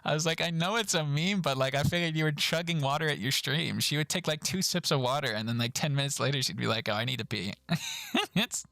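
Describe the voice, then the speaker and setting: A young man chatting casually on a live stream as he reviews trip photos, laughing often and jumping into high voices when he quotes people. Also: lively intonation, a little fast, gravelly, bright, forceful tone, dry recording.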